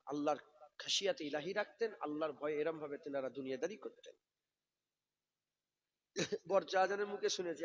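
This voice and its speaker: A man preaching a sermon, moving from quiet explanation to loud, chanted exhortation. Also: a little high, muffled recording. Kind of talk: sermon at a religious gathering.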